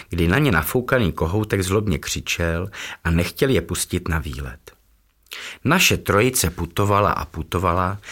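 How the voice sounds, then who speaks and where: A man reading a children's bedtime story aloud in a gentle, soothing way. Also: deep voice.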